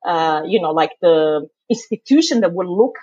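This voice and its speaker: A woman's voice: on the low side, expressive, normal speed, mellow, breathy edge, no echo, lo-fi sound. A woman from Italy with a thick Italian accent, a guest explaining blogging and its legal side in a casual interview, chatty and often laughing.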